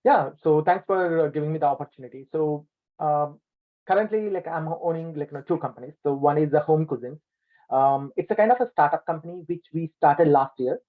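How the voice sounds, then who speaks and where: A man's voice: fairly high pitch, fairly quick. A man being interviewed about his businesses over a video call, his audio breaking up on a bad connection, talking at length with many "like, you know" fillers. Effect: bad connection, audio cutting out. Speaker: business owner interviewed as guest. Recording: tinny lossy video call line.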